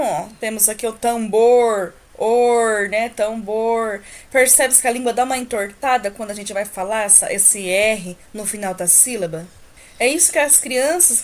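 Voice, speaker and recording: A Brazilian woman teacher with a fairly high voice runs through homework corrections for young children. She asks the class questions and answers them herself, drawing out the example words slowly so each sound is clear. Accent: Brazilian Portuguese. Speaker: primary school teacher.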